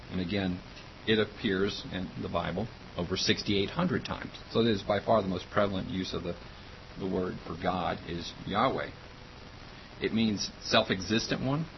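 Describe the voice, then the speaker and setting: A man with a very low voice teaching an informal Bible lesson. He explains words plainly, spells some out and reads passages aloud. The recording sounds slightly dull, with a faint hiss behind him.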